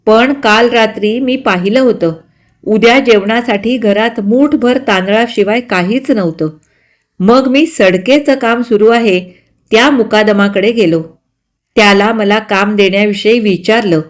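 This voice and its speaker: A calm schoolboy explains himself in an earnest, apologetic way, as a woman storyteller voices him. He speaks slowly and firmly, a little louder than her narration. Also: a little high, lightly acted.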